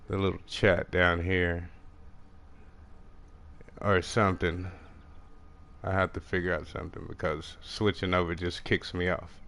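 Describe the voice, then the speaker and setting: Young Texan man, low voice, country accent, mumbly and fast, gaming commentary. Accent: country Texas. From Texas, USA. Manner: fast mumbling talk with restarts. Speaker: gaming streamer. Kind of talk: casual gameplay commentary.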